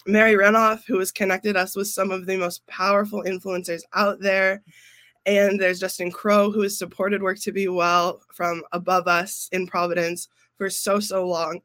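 A young man with a high, bright voice talks on a podcast, heard close and dry. He is effusive and emotional. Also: flat delivery, moderate pace, no echo. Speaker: graduating student council member. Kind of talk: casual podcast chat.

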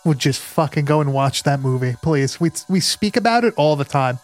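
Higher-pitched man, slangy and emphatic. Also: lively intonation, normal speed, soft background music. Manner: profane, slangy, emphatic and repetitive. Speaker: podcast co-host. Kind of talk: casual chat about horror movies.

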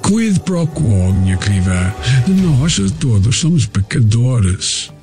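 A mad nobleman villain in a radio-style drama, purring sweet threats with a swooping, lively pitch while soft music plays underneath. he sounds theatrical and mocking, lingering over every word. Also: takes it slowly. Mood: gloating. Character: mad sinister aristocratic male villain, gloating. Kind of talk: audio drama acting.

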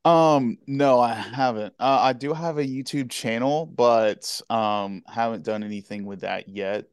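Easygoing young man, smooth voice. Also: medium pitch, no echo, studio quality. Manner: easygoing, halting, self-interrupting. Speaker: guest Twitch streamer and cosplayer. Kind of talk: casual interview chat.

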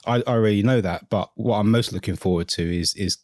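A man's voice: lowish voice, quick pace, darkish tone, dry recording, studio quality. A man co-hosting a podcast, talking casually and chewing pizza while he speaks, sometimes swearing. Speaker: podcast co-host. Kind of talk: casual chat.

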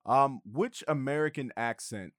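A young man co-hosting a casual podcast chat, lively, often restarting mid-sentence and laughing easily. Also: medium pitch, unhurried, no room sound, studio quality. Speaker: podcast co-host.

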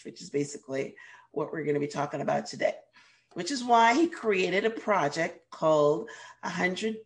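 A woman from Guyana, hoarse with a cold, speaking as a radio show host and life coach in an interview. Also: fairly low pitch. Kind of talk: interview hosting.

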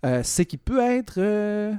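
A man's voice: high-pitched, sing-song, slow, warm tone, clean tone, no echo, clean studio sound. A man with a Quebec French accent, a podcast columnist chatting casually in a playful, ironic way with wandering asides. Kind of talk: casual chronicle chat.

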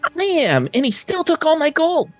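A man voicing an excitable, easily upset male adventurer in a whiny, otter-like manner for a tabletop game. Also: very high-pitched, normal speed, soft background music, pitched above the performer's own voice, exaggerated voice. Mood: distraught, whining.

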